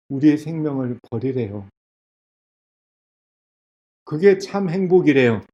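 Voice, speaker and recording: Older male church elder, higher voice, questioning the audience. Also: a little mellow, muffled recording. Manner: asks the audience questions and acts out quoted voices. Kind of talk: sermon lecture retelling a film story.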